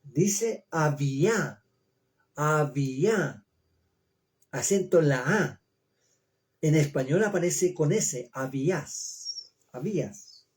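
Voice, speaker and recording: Slow, mellow man teaching scripture. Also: on the high side, animated. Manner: repeats words, checks in with "¿ya?"; reads Hebrew names slowly, then explains in Spanish. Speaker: Bible teacher. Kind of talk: slow verse-by-verse Bible study.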